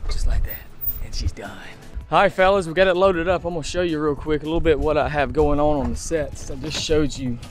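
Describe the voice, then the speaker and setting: A man's voice: on the high side, brisk. A man in his thirties talking casually to a handheld camera at arm's length outdoors, explaining his fishing gear with plenty of "uh"s. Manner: relaxed, filler-heavy explaining. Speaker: fishing vlogger. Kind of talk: casual vlog narration. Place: outdoors on a suburban street and lakeside, also in a truck. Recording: music playing underneath. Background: background music.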